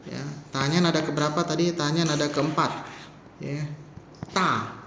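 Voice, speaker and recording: A man with a fairly high voice leads a beginner language lesson, counting character strokes one by one and chatting loosely between them. He sounds roomy and echoey, with faint background noise. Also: steady tone, a bit bright. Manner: counts character strokes aloud slowly, casual asides. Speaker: Mandarin teacher.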